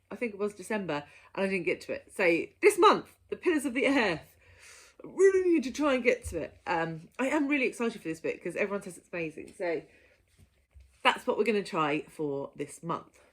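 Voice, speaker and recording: Very animated and brisk, a woman with a medium-pitched voice walks viewers through a reading list as a book vlogger. Her chatty monologue is casual, playful, enthusiastic, and full of giggles.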